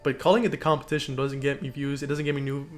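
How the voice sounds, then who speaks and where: A man's voice: medium pitch, flat delivery, fast talker, soft background music. A young man co-hosting a casual podcast, rambling with lots of fillers and restarts. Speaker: podcast co-host and YouTuber. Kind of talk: casual chat.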